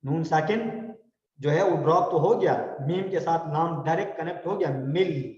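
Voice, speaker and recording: A man's voice: fairly high pitch, darkish tone. Guy teaching quran recitation, stretches out example words, big echoey reverb. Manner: explains slowly, drawing out example words for students to repeat. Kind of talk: tajweed lesson with call-and-response recitation. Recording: echoey hall, dull lo-fi sound.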